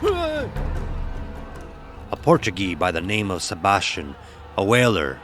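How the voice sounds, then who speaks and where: With a deep voice, a man narrates a scripted horror story in the role of an old-time sailor, grave and dramatic, using archaic nautical diction.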